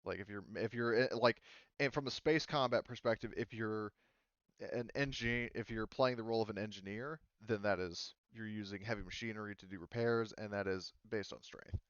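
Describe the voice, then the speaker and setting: Acting as game master, a man explains a tabletop game in a smooth, lowish yet fairly bright voice at normal speed. His talk is casual and hesitant, rambling easily, and the dry recording sounds close and somewhat dull.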